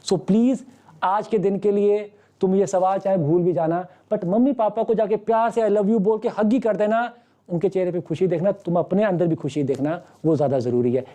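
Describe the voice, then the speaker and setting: Male maths teacher with a warm, mellow voice, fatherly and fond of rhetorical questions, giving an online class pep talk. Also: high-pitched, moderate pace. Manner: fatherly, addresses students as beta, asks rhetorical questions.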